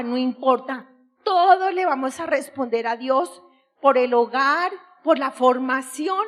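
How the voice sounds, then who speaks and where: A middle-aged woman giving an impassioned, tearful religious testimony. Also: high voice. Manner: impassioned, tearful, crying out at times.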